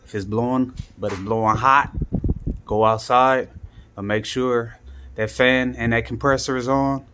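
Speaking a little slowly in a mid-range, sharp-toned voice with fairly even intonation, this man explains a home repair to his viewers. He's a handyman vlogger and HVAC technician who leans on slang and casual catchphrases. The clip was captured indoors beside air-conditioning gear on a handheld phone held behind the camera, leaving noisy audio with clicks.

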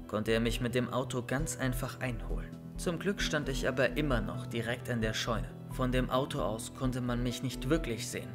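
A young man reading a first-person horror story as scripted narration, calm and steady. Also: mid-range voice. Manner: calm storytelling, loud shouted calls in scenes.

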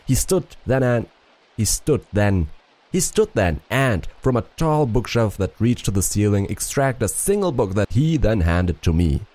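A man's voice: fairly low pitch, very animated, unhurried, dark tone. A man reading a male traveler's diary aloud in an attempted French accent, stumbling over some words. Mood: earnest. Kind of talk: reading in-game text aloud.

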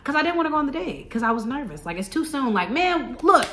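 A woman in her thirties tells a personal story in a casual, animated vlog, talking straight to her viewers. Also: high-pitched, quick pace, roomy sound. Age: 30s. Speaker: vlogger telling a personal story.

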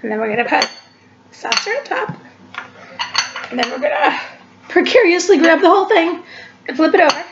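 With an extremely high, sing-song voice that's brisk and gravelly, this library cooking show host walks viewers through a home cooking demo step by step, pausing often. A webcam across her kitchen counter records her. The kitchen is echoey, the sound dull and lo-fi, and background noise is present.

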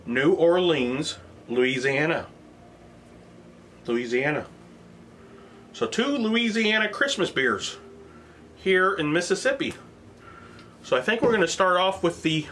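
Thinking out loud about flavor, this beer reviewer keeps his casual on-camera vlog plain and modest. His voice runs a little high with a sharp edge, over a faint hiss or hum.

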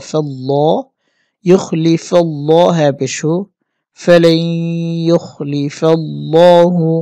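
Mellow, even-toned male Quran teacher. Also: fairly high pitch, no room sound. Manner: spells out letters and vowel marks slowly, one by one; addresses viewers directly as teacher. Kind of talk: step-by-step Quran recitation lesson.

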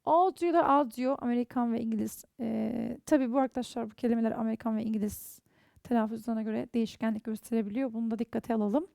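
Turkish-accented woman, english teacher, high voice, mellow tone, reads words out one at a time. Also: little pitch movement, vocal fry, no room sound, studio quality. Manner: slow, careful, reads out example words one by one. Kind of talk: online language lesson.

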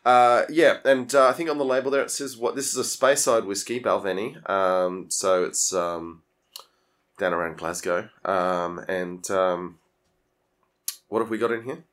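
Low-voiced man hosting a casual chat. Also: measured pace. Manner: relaxed, hesitant with many ums. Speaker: podcast host.

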